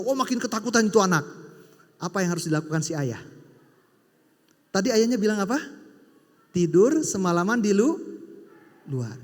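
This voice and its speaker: High-voiced, animated man preaching. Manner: animated, wide swings in loudness. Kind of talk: sermon with storytelling. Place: worship session at a retreat venue. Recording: reverberant hall.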